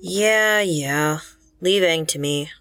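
An actress playing a dry, sarcastic deputy who guards the jail. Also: female voice, sits low, takes it slowly, background noise.

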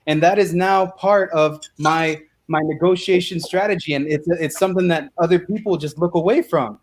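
A young man, a real estate investor, talking in an energetic, slangy way as an interview guest. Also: on the high side, normal speed, slight background noise. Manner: energetic, slangy, says bro and dude a lot. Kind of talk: casual interview talk.

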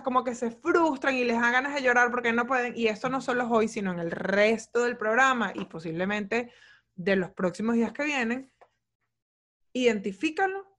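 A podcast host talks her listeners through an exercise, stopping often to ask "ok?". Her voice sits fairly high, and her pace swings from slow to quick. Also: a bit bright. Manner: chatty, frequent "¿ok?" check-ins, varied pace. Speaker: podcast host and business coach. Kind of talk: casual coaching talk.

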